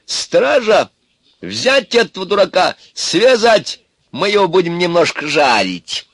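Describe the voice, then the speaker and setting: A sly, hoarse old storybook witch, put on by a male reader, wheedling in a high, lively voice. She coaxes and then shrieks orders. The sound is dry and close. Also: normal speed, no room sound. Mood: furious. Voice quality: hoarse laugh. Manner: coaxing, then shrill and shouting. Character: scheming old witch woman, wheedling and cruel. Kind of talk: audiobook character voice.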